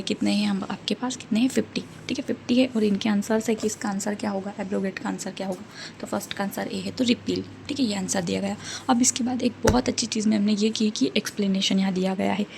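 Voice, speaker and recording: Her Hindi explanations, peppered with English, come in a relaxed book review where she reads out lists of words and checks in with "theek hai" and "hai na". The mid-range voice carries vocal fry, and there is background noise.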